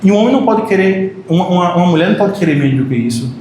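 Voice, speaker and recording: High-voiced Brazilian preacher in an echoey church. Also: male voice, very fast. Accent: Brazilian Portuguese. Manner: animated, joking with the congregation, acts out short quotes. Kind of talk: sermon. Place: church hall. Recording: very echoey church hall, faint noise.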